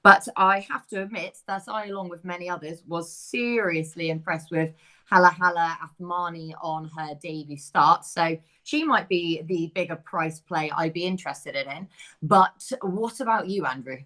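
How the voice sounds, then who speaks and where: A woman's voice: lowish voice, moderate pace, fairly bright tone. A woman hosting a horse racing preview, chatty and upbeat, handing over to her guests. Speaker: host.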